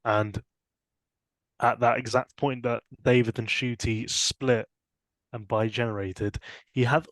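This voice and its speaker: A young man co-hosting a casual podcast chat, animated and laughing often. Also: takes it slowly, pauses often, no echo. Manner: animated, laughs often, rising pitch when excited. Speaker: podcast co-host.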